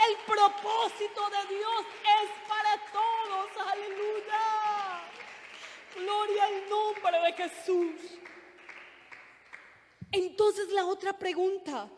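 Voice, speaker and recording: A woman's voice: extremely high pitch, in a large hall, slight background noise. A middle-aged woman preaching a sermon, earnest, putting questions to the congregation. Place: church.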